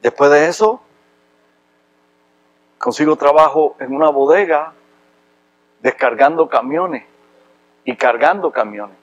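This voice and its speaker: A man from Rico, preaching a sermon with impassioned, emphatic delivery that rises to loud preaching. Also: on the high side, takes it slowly, pauses often, dull audio. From Puerto Rico. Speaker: pastor.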